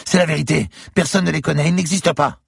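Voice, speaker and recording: A man voicing a battered, frightened heavyset thug in a thriller audiobook, yelling and pleading. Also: low-pitched, brisk, husky, no room sound, studio quality, pitched above the performer's own voice. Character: beaten, scared heavyset male thug.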